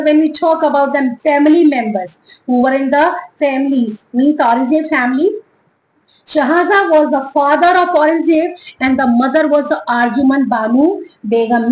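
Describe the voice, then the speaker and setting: A woman with an Indian English accent teaching an online history lesson, slowly dictating and repeating dates and names for students to note down. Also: high voice, a little mellow, reverberant, a little hiss or hum, rough recording.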